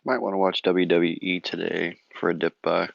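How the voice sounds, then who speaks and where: Deep gravelly man on dull lo-fi audio. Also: little pitch movement, moderate pace, no echo. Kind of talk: casual chat on a live stream.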